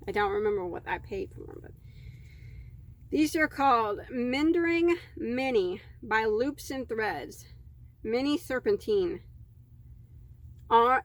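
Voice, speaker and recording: A woman's voice: a little high, dry recording. A woman crochet vlogger chatting casually as she unboxes yarn, easily delighted and rambling in asides.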